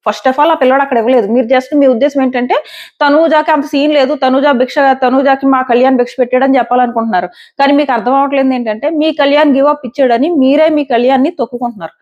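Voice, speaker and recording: Lady ranting about a reality show, high voice, repeats herself a lot, kinda dull lo-fi sound. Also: fairly even intonation, quick pace, a little mellow. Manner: emphatic, argumentative, repeats points. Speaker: show reviewer. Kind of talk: casual opinionated commentary.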